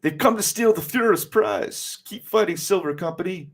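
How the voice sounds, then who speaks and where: A man's voice: high-pitched, normal speed, vocal fry, pitched above the performer's own voice. A man voicing an urgent wartime soldier rallying his squad, reading a comic aloud. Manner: urgent, commanding.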